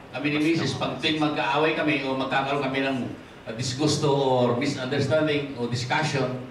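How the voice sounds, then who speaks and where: A man with a Filipino accent preaching a sermon as pastor, switching freely into English, rising to stress points and dropping low and quiet to close them. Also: slight background noise. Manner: mixes in English, asks the congregation for amens. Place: church hall. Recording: echoey hall from far off.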